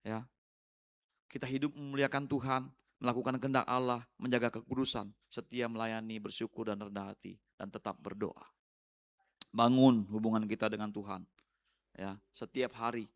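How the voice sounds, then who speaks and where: A male pastor giving a sermon in a casual, conversational way. He often checks in with the congregation through tag questions and sometimes turns teasing, with laughter and high mocking exclamations. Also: steady tone, moderate pace.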